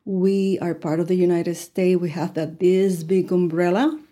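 Warm-voiced woman in her sixties. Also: fairly low pitch, steady tone, measured pace. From Puerto Rico. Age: 60s. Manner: earnest, with frequent fillers and light laughs. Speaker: guest. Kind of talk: conversational interview.

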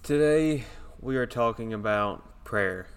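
A man's voice: mid-range voice, lively intonation, slow, clean tone. Laid-back guy cohosting a church podcast, sanctuary echo all around him. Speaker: podcast co-host.

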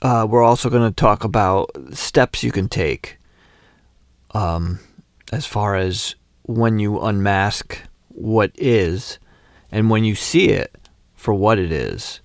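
A man co-hosting a podcast, talking in a halting, casual way. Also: lowish voice, dry recording, studio quality. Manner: halting, with fillers and restarts. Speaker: podcast co-host. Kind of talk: casual chat.

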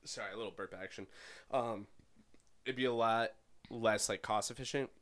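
A man in his twenties co-hosting a casual chat at home, animated and profane, full of "like" fillers, into a big microphone. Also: lowish voice, moderate pace. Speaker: podcast co-host. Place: home bedroom. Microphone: large studio-style microphone.

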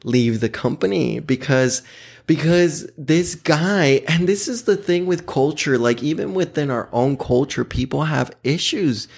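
A man's voice: on the high side, lively intonation, measured pace, vocal fry, slightly rough. A young man from Oklahoma telling candid personal stories in casual conversation, laughing often and swearing freely. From Oklahoma, USA. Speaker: podcast guest.

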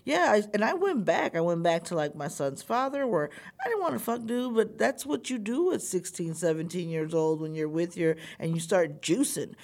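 A woman's voice: lively intonation, normal speed, hardly any pauses, darkish tone. A woman telling a candid personal story, talking openly and with plenty of swearing, acting out the things people said. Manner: candid, profane, acts out quotes with big pitch jumps.

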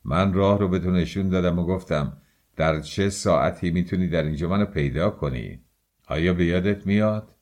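A male audiobook reader voicing a sly, worldly middle-aged man who speaks in a calm, insinuating, lecturing way. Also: deep voice, lightly acted.

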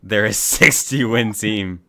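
A man's voice: on the low side, slow pace, bright, forceful tone, no room sound, clean studio sound. A young man chatting casually about sports on a podcast.

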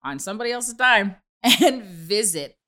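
A woman hosting an interview, chatting warmly about her own son and laughing often. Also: medium pitch, expressive, a little slow. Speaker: interview host. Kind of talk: conversational interview chat.

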